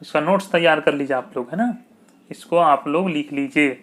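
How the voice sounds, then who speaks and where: A man's voice: on the high side, a bit bright. A man teaching an exam-prep grammar lesson, repeating key points and asking checking questions. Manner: slow, repetitive, asks checking questions.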